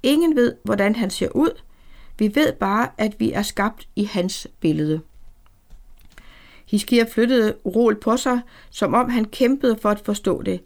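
A woman narrating a story aloud in a calm, measured way. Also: medium pitch. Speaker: audiobook narrator. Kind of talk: scripted narration.

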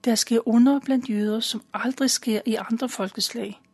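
A woman with a breathy, husky voice tells a Bible story in plain, simple words. She keeps a calm, steady storytelling pace and now and then adds a small filler. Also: on the high side.

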